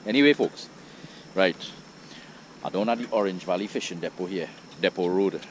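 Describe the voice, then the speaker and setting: Here the kayak-fishing vlogger from Trinidad has a low voice and talks at a normal speed, with slight noise behind him. His easygoing, chatty style and loose Caribbean patois suit the casual outdoor vlog he's filming on open water.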